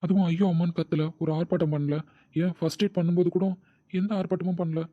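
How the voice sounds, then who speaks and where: A man's voice: sits high, fairly even intonation, fast, no room sound, narrow, tinny audio. A man voicing a caring, protective older brother who coaxes and reassures his sister. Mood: brooding. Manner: coaxing, reassuring, brooding when alone.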